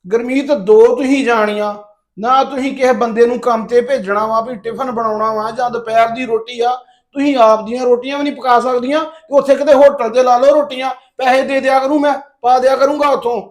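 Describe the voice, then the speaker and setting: A man's voice: very high voice, steady tone, brisk. An actor playing a young husband caught between his wife and mother, placating and pleading. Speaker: husband and son. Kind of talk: Punjabi family drama acting.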